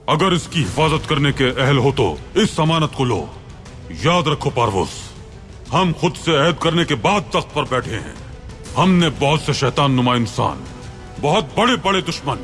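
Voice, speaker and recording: A man's voice: mid-range voice, a bit bright. An actor dubbing a stern, proud Ottoman sultan who speaks in commanding, solemn oratory.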